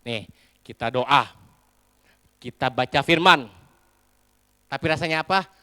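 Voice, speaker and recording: A male pastor, giving a lively comic sermon in animated storytelling, calling out to the crowd. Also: medium pitch, unhurried, smooth, dry recording. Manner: animated storytelling with a sing-song rise and fall and crowd call-outs.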